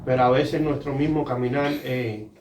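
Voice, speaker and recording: A man adding to a sermon, measured, thinking aloud with fillers. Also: mid-range voice, fairly even intonation, a little mellow. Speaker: church speaker. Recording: distant, echoey mic with noise.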